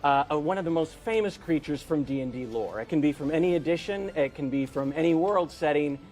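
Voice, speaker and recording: A man's voice: on the high side, fairly quick, darkish tone, soft background music. A man hosting a live game show in a conversational, jokey, somewhat theatrical way.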